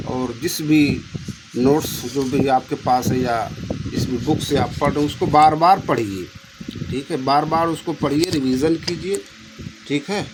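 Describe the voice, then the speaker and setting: Guy going thru exam questions, higher voice, keeps repeating stuff, traffic noise behind. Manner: repeats phrases, drawn-out recitation of options. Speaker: Hindi exam tutor. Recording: noisy background with passing traffic.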